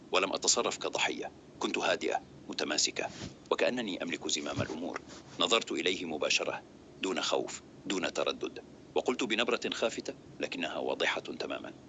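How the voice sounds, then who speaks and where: A man reading a dramatic first-person story as scripted narration, steady and grave. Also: low-pitched, a little hiss or hum.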